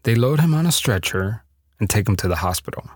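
A man's voice: on the low side, animated, brisk, slightly rough, dry recording, clean studio sound. A man narrating a scripted true-story podcast with a dramatic storytelling delivery.

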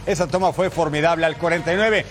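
A man giving football highlights commentary in a colloquial, exclamatory way, talking straight to the viewer. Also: fairly even intonation, quick pace.

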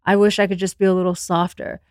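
A woman's voice: lowish voice, flat delivery, quick pace, a little mellow, clean tone, no echo, clean studio sound. A woman interview guest, born in Afghanistan and raised in the US, speaking earnestly and with self-assurance about her life. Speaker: podcast guest, entrepreneur. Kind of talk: candid interview conversation.

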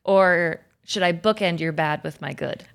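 A woman's voice: fairly low pitch, unhurried, vocal fry. A woman co-hosting a podcast in casual banter, giggly and playful, with sassy, campy slang. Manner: giggly, often laughing while talking. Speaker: podcast co-host.

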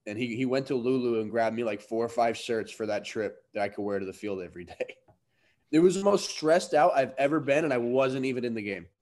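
A man's voice: mid-range voice, expressive, brisk, a little mellow. A man chatting casually as a ballplayer, telling anecdotes in a slangy way. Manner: slangy, acts out quoted dialogue. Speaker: professional baseball player.

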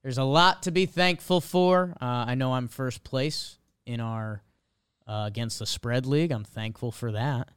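A male host reading scripted ad fine print as a very fast legal disclaimer. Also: mid-range voice, clean tone, no echo, studio quality. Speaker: show host.

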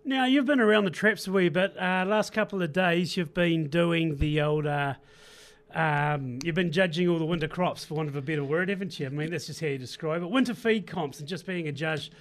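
Radio host, male, New Zealand accent, notably high voice, informal and laid-back interviewer. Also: a little fast. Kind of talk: casual farming radio interview. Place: radio studio.

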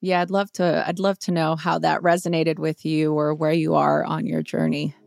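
A woman in an earnest advice talk, pitched a little low with a gravelly fry in her voice. She piles up rhetorical questions and repeats herself for emphasis. The sound is close and dry. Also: level tone, moderate pace, darkish tone, no room sound. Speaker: guest author. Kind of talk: reflective advice on a podcast.

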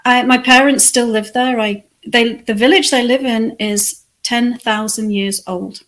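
A woman from England, reflecting on her life as an interview guest in a soft, thoughtful way. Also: on the high side, fairly even intonation, measured pace. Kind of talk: conversational interview.

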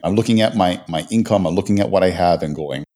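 A man's voice: low-pitched, quick pace, mellow. A man being interviewed in casual talk, often restarting and repeating words as he goes. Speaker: podcast guest.

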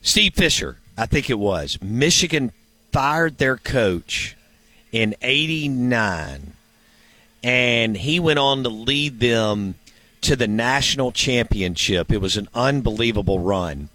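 A male sports talk host with an ordinary mid-range voice, recorded dry and close. He talks casually in a rambling way, thinking out loud and checking himself with questions. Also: mid-range voice, lively intonation, slow pace, no room sound. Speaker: sports radio show host.

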